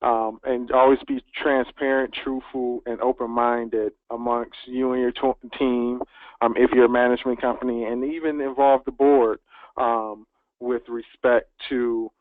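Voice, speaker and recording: A man's voice: medium pitch, little pitch movement, unhurried, no room sound. Male panelist, advisory tone, dry tinny phone audio. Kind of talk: webinar panel discussion.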